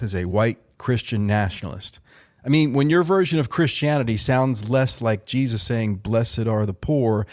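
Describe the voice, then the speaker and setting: A man's voice: medium pitch, darkish tone. A man in his fifties hosting his own podcast, delivering a wry, sardonic solo commentary with profane asides. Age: 50s. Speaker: podcast host.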